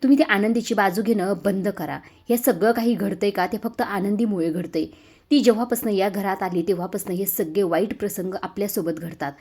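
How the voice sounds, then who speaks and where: A woman's voice: mid-range voice, a little fast, a little mellow, slightly rough, natural voice. A woman reading the lines of an angry young man who accuses and demands answers, in a retold serial scene.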